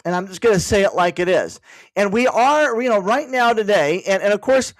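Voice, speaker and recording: Speaking fairly quickly, a man with a high, expressive voice runs a casual home learning session for online viewers. He wanders off with frequent "by the way" remarks and thinks aloud while looking things up online. The recording is dry and low-quality.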